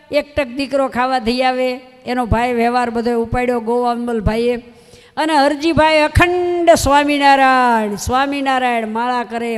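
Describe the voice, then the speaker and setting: A woman's voice: high-pitched, smooth. Woman, sermon storytelling, folksy, emphatic, long hall reverb. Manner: folksy, emphatic, addresses listeners directly. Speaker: religious storyteller.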